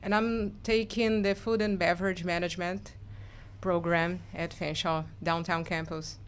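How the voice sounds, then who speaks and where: Low-voiced woman from Brazil, friendly. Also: level tone, unhurried, clean tone. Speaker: student panelist.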